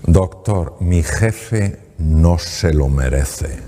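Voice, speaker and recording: A man voicing a worn-down middle-aged female patient in an anecdote, speaking slowly and plainly. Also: low voice, big pitch swings, dark tone, breathy edge, in a large hall, exaggerated voice. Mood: weary.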